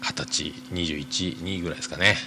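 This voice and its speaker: A man hosting a podcast, reading listener mail aloud and chatting casually in a rambling, hesitant way full of drawn-out fillers. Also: low-pitched, fairly even intonation, background noise. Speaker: podcast host.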